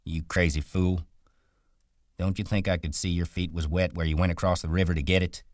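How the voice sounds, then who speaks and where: A man with a deep voice voicing an irritable, hot-tempered migrant worker who scolds in quick, exasperated bursts. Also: little pitch movement, no room sound, clean studio sound, natural voice. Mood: scolding.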